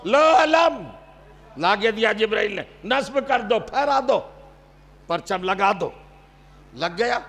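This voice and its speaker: A middle-aged man preaching a passionate religious sermon, firing rhetorical questions at a seated audience, swinging from quiet asides to shouted climaxes. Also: expressive, vocal fry, long pauses. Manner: drops to low, intimate asides between outbursts. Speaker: Shia cleric preaching a majlis.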